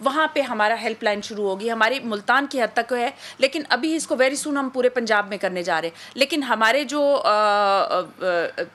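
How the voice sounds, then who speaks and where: Woman official on talk show panel, very high voice, earnest. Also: moderate pace, few pauses, fairly bright tone. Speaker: official of a women's protection authority. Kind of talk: studio talk show guest.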